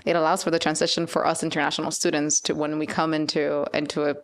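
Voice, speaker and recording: A woman's voice: deep voice, flat delivery, quick pace. A woman interviewing a student athlete, asking questions and responding with frequent encouraging affirmations. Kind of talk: casual interview.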